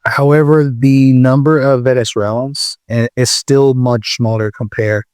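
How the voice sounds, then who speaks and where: A man from the Republic, hosting his own channel and explaining in a measured way with frequent pauses. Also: medium pitch, fairly even intonation, darkish tone, clean tone, no echo, clean studio sound. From Dominican Republic. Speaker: video host. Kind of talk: explanatory commentary.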